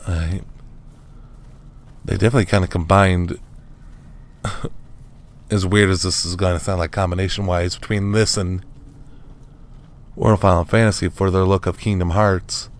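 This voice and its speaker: A man's voice: deep voice, little pitch movement, unhurried, long pauses. A man hosting a let's play, giving casual, rambling commentary over the game with chuckling asides and frequent restarts. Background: faint game music and sounds.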